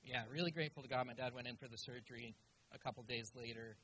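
A man's voice: medium pitch, fairly even intonation, fast talker, sharp tone, a little hiss or hum, rough recording. A man from Malaysia, raised in Canada, casually telling his personal testimony in church with many fillers. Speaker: congregation member.

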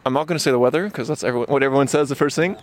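A man in his twenties, born in Japan and raised in Luxembourg and Barcelona, chats casually as an interview guest in a park, full of fillers and restarts. His mid-range voice races, with a little hiss or hum in the recording.

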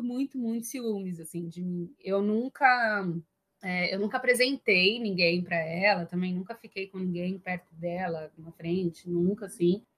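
A woman with a Brazilian Portuguese accent in casual chat, a lively storyteller who laughs often. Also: medium pitch.

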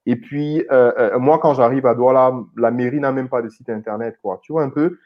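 A man from Cameroon, in his thirties, speaks at an ordinary middle pitch. He talks in a loose, hesitant way, full of fillers and restarts, as an interview guest. The audio sounds slightly dull and lo-fi. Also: moderate pace. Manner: hesitant, many repeated words and fillers. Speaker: guest, IT consultant and founder. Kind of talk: casual interview conversation.

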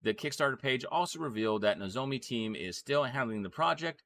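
A man's voice: mid-range voice, animated, fairly quick, gravelly, fairly bright tone. A man hosting a casual anime news podcast, rambling with fillers and restarts as he talks. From Texas. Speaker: podcast host.

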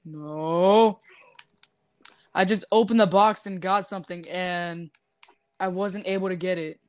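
Slow, joking young man gaming. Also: high voice, steady tone, smooth. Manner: joking, rambling, often trails off softly. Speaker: gamer streaming zombie survival. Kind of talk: casual gaming chat.

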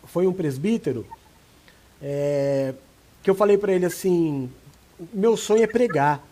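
A man's voice: high voice, a little slow. A man, a pastor, giving relationship advice in a casual chat and acting out the people he quotes. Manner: animated, acts out quoted voices. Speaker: pastor and co-host.

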